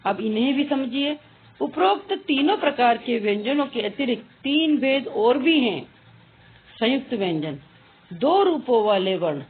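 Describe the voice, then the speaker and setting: A woman teaching a grammar lesson, speaking slowly and deliberately and drawing out each letter sound. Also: high-pitched, very animated. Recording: tinny phone-like sound.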